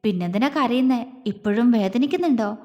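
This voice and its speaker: A woman's voice: fairly high pitch, a little fast, mellow, big-room sound, dull audio, soft background music, close to an everyday voice. A woman voicing an affectionate, teasing young husband in a romance audio story, speaking in a coaxing, playful way. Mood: tender.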